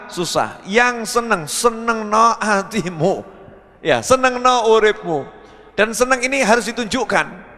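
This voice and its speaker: A man's voice: high-pitched, lively intonation, unhurried, pushed and bright. A male preacher giving a humorous sermon, acting out characters and asking his audience questions. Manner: acts out characters, jokes, asks the audience questions. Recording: long reverb of a hall.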